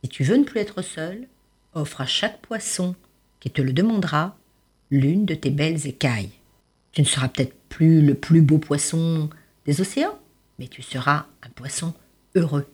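Woman putting on a deep slow octopus voice, spooky wise, soft. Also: slightly rough. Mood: solemn. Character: mysterious wise old octopus, solemn and grave.

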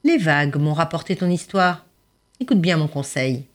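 Woman putting on a deep slow octopus voice, spooky wise, soft. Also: lively intonation. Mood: solemn. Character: mysterious wise old octopus, solemn and grave.

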